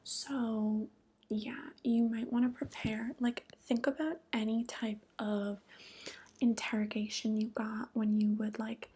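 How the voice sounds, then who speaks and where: A woman voicing a flirty, teasing female devil in a soft, breathy whispered role-play, with a casual, coy manner. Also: fairly high pitch, little pitch movement, slow.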